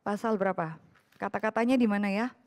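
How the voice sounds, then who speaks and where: A woman's voice: medium pitch, steady tone, brisk, a little mellow. A woman preaching an interactive sermon to a women's fellowship. She asks the listeners questions and acts out quoted speech.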